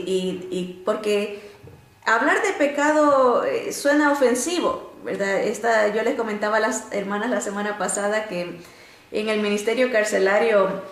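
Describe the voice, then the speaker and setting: A woman teaching a Bible lesson through stories, animated and often pausing on "este" and restarts. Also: reverberant. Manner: animated storytelling, often rising in pitch to act out quotes; frequent filler "este" and restarts.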